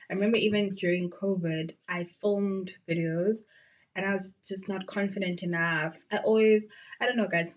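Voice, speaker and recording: Muffled audio carries the mid-range voice of a twenty-something beauty vlogger with a South African accent. She's having a relaxed get-to-know-me chat with her viewers, filled with fillers.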